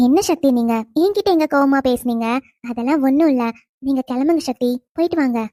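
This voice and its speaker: A woman voicing a gentle, cheerful young wife who reassures her worried police husband and teases him lightly. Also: high-pitched, quick pace, dry recording, clean studio sound, close to an everyday voice. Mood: calm. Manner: gentle, soothing, teasing. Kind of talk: cartoon storytelling narration.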